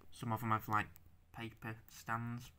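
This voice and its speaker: Halting young man with a bright voice. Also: medium pitch, completely flat delivery, clean tone. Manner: halting, stammering, swears, self-conscious. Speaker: stop-motion creator showing his figures. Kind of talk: casual show-and-tell.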